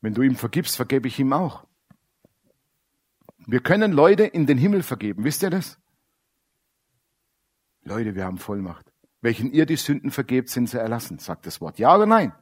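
A man delivering a sermon, blunt and animated. He acts out the people he quotes and drops to quiet asides. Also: mid-range voice, normal speed, long pauses, husky. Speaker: preacher.

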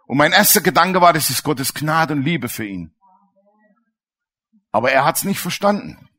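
A man's voice: on the high side, expressive, moderate pace, sharp tone. A man preaching a sermon in a colloquial, storytelling way, turning to his listeners with questions. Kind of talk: sermon with personal stories.

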